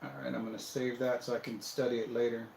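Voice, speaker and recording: A man hosting a building-set livestream, chatting casually and thinking aloud in a relaxed, self-deprecating way. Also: medium pitch, quick pace, creaky, roomy sound, slight background noise, low-quality recording.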